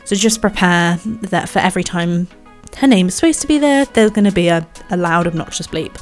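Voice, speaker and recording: A woman's voice: lowish voice, fairly quick, faint music behind. A young woman from England hosting a casual podcast, chatty and giggly as she talks with her housemate. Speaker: podcast host. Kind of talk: casual chat.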